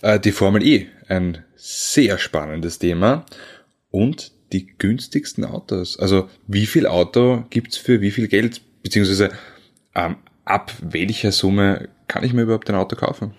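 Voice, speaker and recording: A man, a car journalist chatting as co-host, relaxed and a bit hesitant. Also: lowish voice, unhurried. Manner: relaxed, tired, hesitant with fillers. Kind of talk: casual chat.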